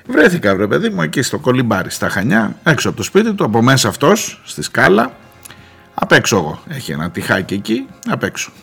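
A man hosts a radio commentary show, telling a wry anecdote in a very animated way. His voice is gravelly and swoops up and down. Faint music runs in the background of the studio mic. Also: mid-range voice. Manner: animated, wry, mimics the people he quotes.

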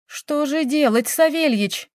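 A woman reading a story, voicing a distraught young countess who has just lost her husband, pleading and crying out in a higher voice. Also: unhurried, no room sound, clean studio sound. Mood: desperate. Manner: pleading, rising to cries.

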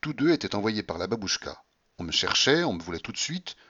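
A man reading a classic novel aloud in a measured, subdued narration. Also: on the low side, very animated, bright, forceful tone, breathy edge, muffled recording. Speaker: audiobook narrator. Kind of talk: literary audiobook narration.

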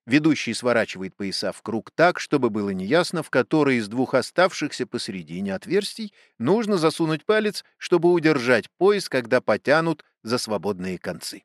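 A man's voice: mid-range voice, sing-song, normal speed, few pauses, no room sound, studio quality. Matter-of-fact male footnote reader. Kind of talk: explanatory narration.

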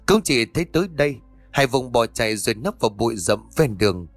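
A man narrating a horror audiobook at a steady storytelling pace. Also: medium pitch, brisk, dry recording, faint music behind. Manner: steady storytelling, voices each character.

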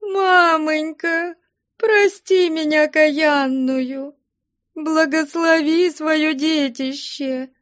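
A woman voicing a tearful young daughter who wails and pleads in a high voice. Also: fairly even intonation, drawn-out words, fairly bright tone, exaggerated voice. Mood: tearful pleading. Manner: wailing, pleading, high-pitched. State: crying.

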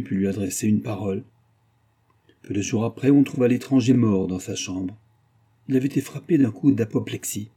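A man narrating a literary audiobook with a measured, dramatic reading. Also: lowish voice, mellow, slightly rough.

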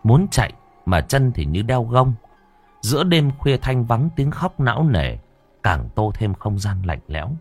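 A man narrating a ghost story in a dramatic way, slowing down for tense moments. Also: mid-range voice, sing-song, darkish tone, husky. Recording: dry close voice with faint background music.

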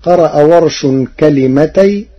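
A man explaining Quran recitation variants in a slow, measured, formal scholarly way on a radio broadcast. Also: fairly high pitch, warm tone, muffled recording.

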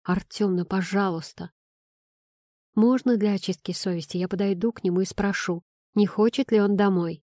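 A woman voicing a soft-hearted young woman who gently pleads with her boyfriend. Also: mid-range voice, moderate pace, dry recording, studio quality, lightly acted. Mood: pleading.

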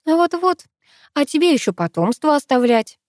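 A woman voicing a sassy, quick-tempered teenage girl in an audiobook, with snappy, mock-stern lines. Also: high voice, sing-song, darkish tone, no echo, studio quality, pitched above the performer's own voice.

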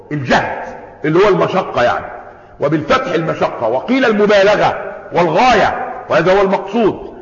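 A man with an Egyptian Arabic accent teaches a religious lesson in a fairly high voice. He shifts from formal recitation to everyday explanation and keeps asking his listeners questions. The recording sounds dull and lo-fi, with long reverb from a large hall. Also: fairly bright tone. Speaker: sheikh teaching a creed commentary. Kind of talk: lecture-style religious lesson.

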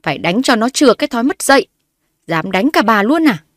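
A woman's voice: medium pitch, quick pace, dry recording, studio quality, close to an everyday voice. Woman putting on a shrieking spiteful mother-in-law. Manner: shouting, scolding, accusing. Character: shrill, spiteful older mother-in-law, screeching.

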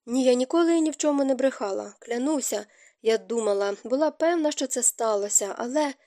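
Brief: woman narrator doing a weak, pleading young wife; higher, mellow voice, dry close read. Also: fairly quick, natural voice. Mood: tearful. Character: fragile, tearful young noblewoman wife.

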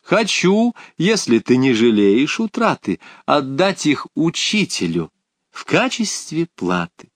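A man's voice: fairly high pitch, sing-song, slow pace, no room sound, clean studio sound, voice pushed up, exaggerated voice. A man voicing an earnest young disciple.

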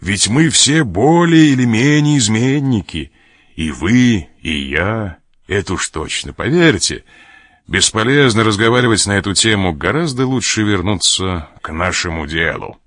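A man's voice: on the low side, big pitch swings, measured pace, fairly bright tone, no echo, studio quality. A man reading aloud as a sly sailor who mocks and threatens an officer. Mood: mocking. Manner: mocking, laughs at threats. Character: sly mocking sailor, blackmailing a major.

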